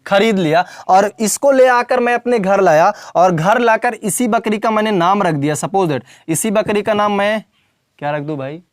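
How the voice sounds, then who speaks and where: A man's voice: high voice, moderate pace, dry recording. Chatty man teaching grammar, dry sound. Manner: repetitive, quizzing the viewer with questions; calls the viewer "brother" and "child". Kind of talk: classroom lesson.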